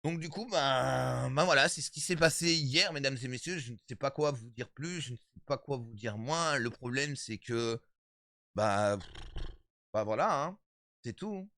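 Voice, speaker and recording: A man of thirty-five chatting casually with his stream viewers, animated and repetitive, calling them his brothers. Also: medium pitch, measured pace, no echo, studio quality. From Italian background. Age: 30s.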